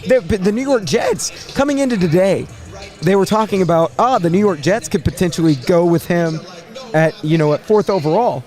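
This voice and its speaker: A man hosting a casual live sports draft show, thinking aloud in a halting way and repeating words as he goes. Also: sits high, expressive, darkish tone, soft background music.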